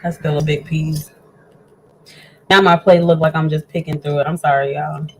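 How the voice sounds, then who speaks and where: A woman's voice: low-pitched, level tone, moderate pace, slight background noise, rough recording. A woman hosting a casual home cooking show, chatting eagerly with her viewers as friends while she eats with her mouth full. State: eating, talking with mouth full.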